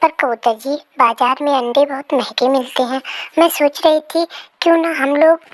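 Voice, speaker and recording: A woman doing a caring, clever mother bird in a cartoon story, earnest, persuasive, high voice, dry sound. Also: fairly even intonation, moderate pace, dry recording, natural voice.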